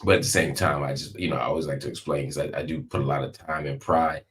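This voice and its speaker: Male live-stream political host, low voice, emphatic and conversational, leaning on repetition, recording in a hospital room. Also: fairly even intonation, fast talker, a bit bright. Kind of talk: live political commentary, direct address to viewers.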